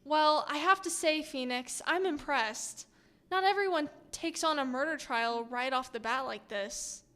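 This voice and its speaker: A woman doing a calm, confident lawyer lady, high voice, slow and even, music faint behind. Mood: encouraging. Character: confident adult woman lawyer, warm mentor.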